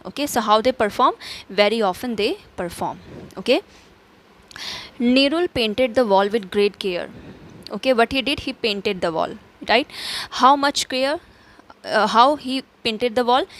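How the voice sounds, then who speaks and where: A woman's voice: fairly high pitch, a bit bright. A woman teacher explaining grammar step by step, asking and answering her own questions, with fillers and self-corrections. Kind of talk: recorded grammar lesson.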